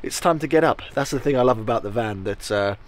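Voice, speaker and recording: A young man chatting excitedly to camera as a van life vlogger inside his small camper van. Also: mid-range voice, fast, slight background noise. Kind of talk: casual vlog narration to camera. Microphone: camera held or set close.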